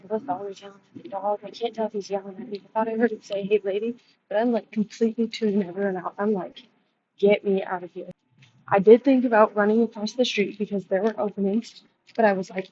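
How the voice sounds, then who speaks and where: A young woman tells a casual storytime for her vlog, chatty and animated, at an ordinary middle pitch. Her voice comes through a slightly dull, lo-fi recording. Faint noise sits underneath her. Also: fast talker. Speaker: vlogger.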